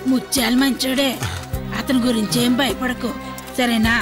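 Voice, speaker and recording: A woman in a dubbed film who gently reassures a frightened girl. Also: on the high side, steady tone, moderate pace, music in the background, close to an everyday voice. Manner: soothing, reassuring.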